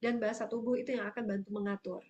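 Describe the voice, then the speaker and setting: Higher-voiced woman coaching public speaking. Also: rapid-fire, lo-fi sound. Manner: explanatory, lively, gives examples. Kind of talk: online workshop Q&A.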